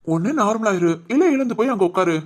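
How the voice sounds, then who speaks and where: Woman doing a gentle, steady young man. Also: mid-range voice, fast talker, natural voice. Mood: soothing. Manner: soothing, firm. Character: calm protective young man, office worker.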